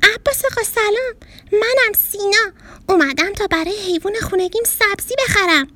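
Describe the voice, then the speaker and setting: A woman voicing an excitable, anxious young boy with high, urgent calls. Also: no room sound. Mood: cheerful.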